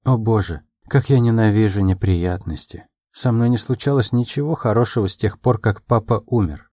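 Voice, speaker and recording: A man voicing a proud, quick-tempered young woman in an audiobook, her lines pitched a little above his own and delivered in quick, emotional replies. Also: warm tone, dry recording, clean studio sound, lightly acted. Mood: anxious, hopeful.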